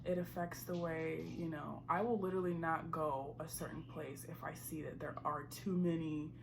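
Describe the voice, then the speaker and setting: A woman's voice: low voice, steady tone, normal speed, gravelly. A woman in her twenties from Chicago, speaking thoughtfully in a personal interview. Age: 20s. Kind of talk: personal testimony. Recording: noisy background.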